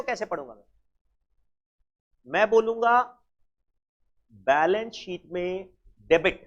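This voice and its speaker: A man teaching an accounting class, who keeps prodding his students with the same questions over and over. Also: high-pitched. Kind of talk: classroom lecture. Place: coaching classroom. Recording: dull lo-fi classroom recording.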